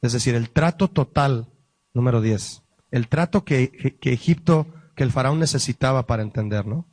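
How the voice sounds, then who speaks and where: A man, a pastor, teaching a Bible study lesson, explaining word meanings slowly and asking the listeners questions. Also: medium pitch, a little mellow, no room sound.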